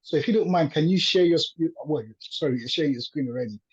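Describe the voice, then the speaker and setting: A man's voice: a little high, fast, husky. Polite, hesitant man on a call. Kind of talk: video call work meeting. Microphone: video call. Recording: dull lo-fi call audio.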